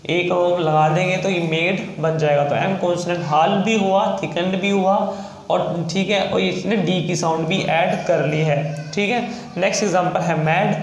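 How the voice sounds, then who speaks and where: A man's voice: high voice, reverberant, poor audio. A man from India teaching a shorthand lesson, explaining step by step and spelling words out letter by letter. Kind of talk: classroom lesson.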